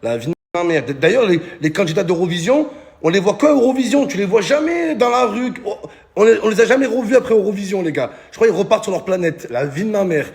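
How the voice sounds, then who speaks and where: A man's voice: high-pitched, animated, fast talker, creaky, darkish tone. A male comedian, ranting to camera in slangy, rowdy banter and calling out to the guys. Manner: rowdy slangy banter, addresses viewers as "les gars". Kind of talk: comic rant to camera.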